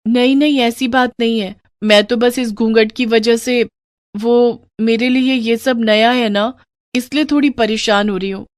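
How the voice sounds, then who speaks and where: Lady playing a shy new bride, higher voice, soft and pleading. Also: steady tone, unhurried, no echo, studio quality, natural voice. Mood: reassuring. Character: young shy newlywed bride.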